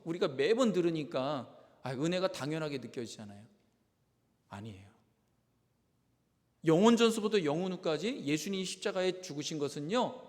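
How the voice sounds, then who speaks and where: A male pastor delivers an impassioned sermon in a fairly high voice that rises and falls widely. He drops into quiet, reflective asides, then breaks out into loud, fervent cries. His voice rings with the long reverb of a church sanctuary. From South Korea.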